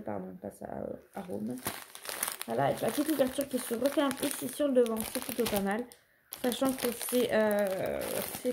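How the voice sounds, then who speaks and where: A woman's voice: fairly high pitch, noisy background. A woman chatting casually in a home haul vlog, rambling and correcting herself as she goes. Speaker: vlogger.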